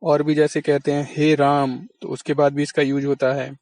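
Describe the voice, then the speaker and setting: A man's voice: a little high, level tone, normal speed, darkish tone, no room sound. A man teaching an exam-prep lesson, patiently explaining and answering his own questions.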